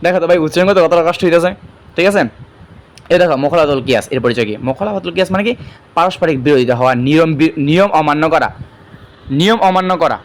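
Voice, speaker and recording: A man teaching an online madrasa lesson. He explains step by step, repeats key terms and often pauses on fillers. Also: on the high side. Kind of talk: online exam-prep lesson.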